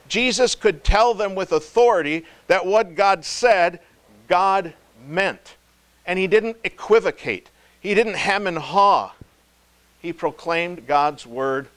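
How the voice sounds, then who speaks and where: A man preaching a comforting devotional in a slightly higher-than-average voice. He is emphatic, slowing down to stress words and sinking low and soft for effect. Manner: emphatic, slow stress on key words, wide swings in loudness. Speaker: pastor. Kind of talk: devotional sermon.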